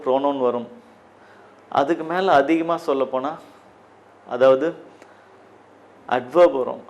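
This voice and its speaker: Tamil-accented male teacher, unhurried and methodical, steps through grammar drills phrase by phrase. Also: medium pitch. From Tamil Nadu, India. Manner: slow and deliberate, drills English phrases one by one. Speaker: English teacher. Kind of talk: spoken grammar lesson.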